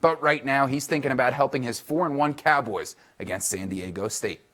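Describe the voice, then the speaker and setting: A man's voice: medium pitch, brisk, a bit bright. Upbeat male sports reporter. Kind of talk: scripted news sports segment.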